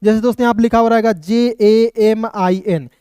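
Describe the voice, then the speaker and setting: Male phonics teacher, high, clear voice, dry close mic, spells letters slowly, repeats "friends". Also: steady tone, warm tone, no room sound. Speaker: English teacher. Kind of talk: classroom lesson.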